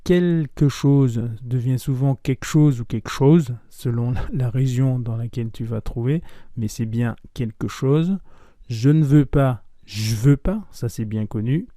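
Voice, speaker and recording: A man teaching spoken French in a casual lesson, saying each phrase carefully and then again in quick, clipped everyday form. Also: mid-range voice, warm tone, no room sound, clean studio sound. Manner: repeats phrases slowly, then in fast clipped native form.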